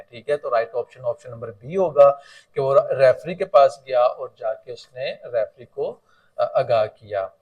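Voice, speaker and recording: A man teaching a lesson online. He reads each line slowly and then explains it quickly in Hindi-Urdu. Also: on the high side, darkish tone, poor audio. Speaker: English teacher.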